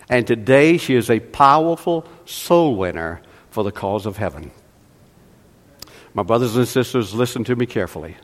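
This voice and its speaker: Male pastor, slow measured sermon delivery, church hall reverb. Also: mid-range voice. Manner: slow, measured preaching with dramatic pauses. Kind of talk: sermon storytelling. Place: church sanctuary.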